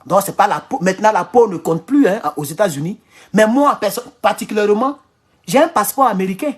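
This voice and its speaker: Brief: Ivorian man, husky high-set voice, animated vlog rant that loops back on its own phrases. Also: a little fast. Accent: Ivorian French. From Ivory Coast. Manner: animated, repeats phrases, chuckles often. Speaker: political commentator. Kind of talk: casual political monologue. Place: at home in his kitchen.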